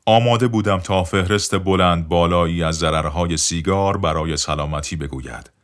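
A man reading a first-person story aloud in an expressive storytelling way. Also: deep voice. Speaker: narrator. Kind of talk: first-person audiobook narration.

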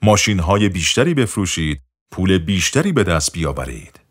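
A man narrating an audiobook in a measured, repetitive way, often letting his voice drop softer at the end of phrases. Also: low voice, very animated, slightly rough. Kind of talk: scripted narration.

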